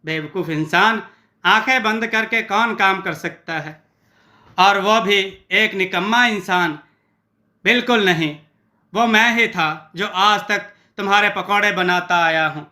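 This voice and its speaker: Guy voicing a sassy tiny rat creature, folksy, talks slow. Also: sits high, bright, forceful tone, heavily acted. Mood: cheeky. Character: small rat-like male kitchen creature, cheeky helper.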